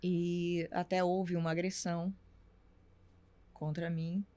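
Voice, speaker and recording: A woman's voice: fairly low pitch, flat delivery, takes it slowly, warm tone. A middle-aged woman, telling a personal story as a talk show guest and acting out the dialogue. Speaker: interview guest.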